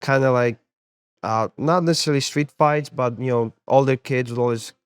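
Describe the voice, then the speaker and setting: A young adult man born in Poland, who works as a sports therapist and MMA coach, speaks as an interview guest in a relaxed, casual way, often repeating words while he searches for them. His medium-pitched voice moves at normal speed with a clean tone and no room sound.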